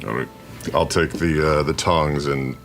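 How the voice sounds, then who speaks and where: A man playing a tabletop game, stating his actions calmly and plainly. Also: rumbling low, measured pace, gravelly, faint music behind. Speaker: player.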